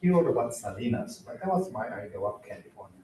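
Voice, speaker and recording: A man's voice: fairly low pitch, big pitch swings, fast talker, warm tone, a little hiss or hum. A man from Malaysia introduces himself to a public board in an easy, chatty way, with touches of self-deprecating humor. His voice carries a heavy echo, and the mic sits well away from him. Faint room ambience hangs underneath. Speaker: county medical director of behavioral health. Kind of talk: informal introductory remarks at a public board meeting. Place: county board meeting room. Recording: echoey meeting room, mic at a distance.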